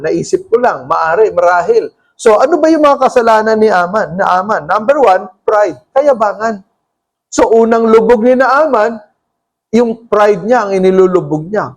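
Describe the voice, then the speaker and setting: A male pastor with a Filipino accent delivers a sermon in a high voice. He switches between Tagalog and English and keeps asking the congregation questions. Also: low-quality recording.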